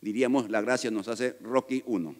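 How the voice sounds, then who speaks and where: A man delivers a sermon, moving between emphatic teaching and loose, joking asides to his congregation. His voice sits at an ordinary middle pitch. The long reverb of a church sanctuary trails after each phrase. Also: fairly quick, darkish tone. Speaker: pastor.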